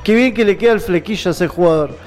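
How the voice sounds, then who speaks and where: A man's voice: high voice, fast talker, over music. A man, playing a guessing game on a live stream and laughing often.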